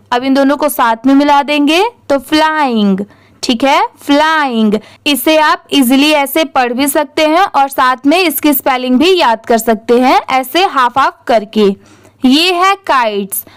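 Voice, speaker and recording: A young woman with an Indian accent leads a reading lesson, spelling each word letter by letter and then saying it whole. Her voice sits high and she takes her time. The sound is close and dry. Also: no echo. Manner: spells words letter by letter, then says them; asks and answers her own questions. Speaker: English teacher. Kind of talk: slow step-by-step reading lesson.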